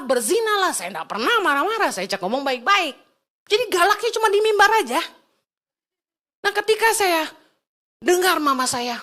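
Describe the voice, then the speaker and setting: A woman pastor preaching an animated sermon and telling stories about her family. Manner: animated, swings between loud and low. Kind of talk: lively sermon with anecdotes.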